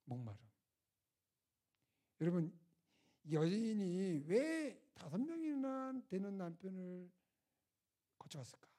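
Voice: medium pitch, very animated, slow pace, long pauses, dark tone. A preacher at a winter retreat, retelling a scripture story in a conversational way and putting rhetorical questions to the audience. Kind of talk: storytelling sermon.

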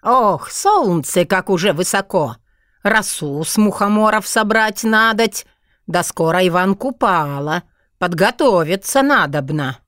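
A woman's voice: mid-range voice, lively intonation, unhurried, a bit bright, no echo, studio quality. A woman voicing a playful, bossy old witch grandmother who talks in a teasing, folksy way.

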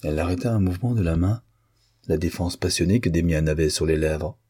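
A man reading a classic novel aloud, in measured, steady literary narration. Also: low-pitched, slightly rough. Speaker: audiobook reader.

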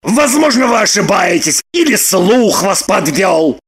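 A woman voicing a hot-tempered, sarcastic grown man in an audiobook, prone to shouting outbursts. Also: medium pitch, sing-song, unhurried, husky, voice pushed up, heavily acted. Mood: indignant. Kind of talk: audiobook character reading.

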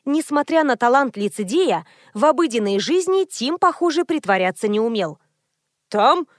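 Woman narrator, high voice, measured first-person reading, dry studio sound. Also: expressive, no echo. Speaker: audiobook narrator. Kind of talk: scripted narration.

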